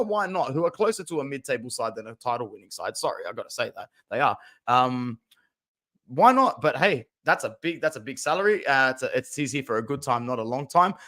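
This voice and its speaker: A young man hosting a casual football fan stream, chatting and reacting aloud to match highlights, with loud outbursts and low muttered asides. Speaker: football fan channel host. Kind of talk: casual live-stream commentary.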